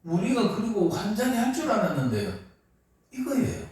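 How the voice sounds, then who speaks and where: A man's voice: high-pitched, wildly swooping pitch, moderate pace, darkish tone, voice pushed up. A man voicing a desperate male disciple who pleads indignantly with his master. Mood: pleading. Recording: echoey hall, mic far off.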